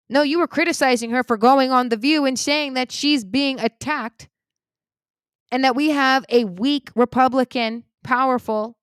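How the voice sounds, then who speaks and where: An angry woman delivers her political opinions straight to the camera, building to loud outbursts before dropping to a low grumble. Her voice sits on the higher side and sounds smooth and clear. The mic is close, so the sound is dry with no room in it. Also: no room sound. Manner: heated and indignant, swings between loud outbursts and low muttering. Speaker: political commentator. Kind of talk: opinion monologue.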